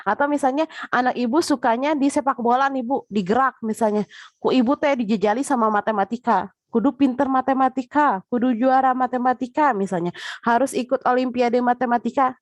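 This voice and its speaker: A woman's voice: fairly high pitch, a little fast, no echo. A woman giving a casual spoken lecture, chatty, with frequent filler tags, talking straight to her listeners.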